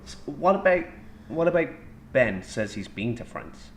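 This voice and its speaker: A man's voice: mid-range voice, big pitch swings, unhurried. A man hosting an improvised comedy radio show, playfully questioning guests with mock disbelief. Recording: roomy echo, faint background noise.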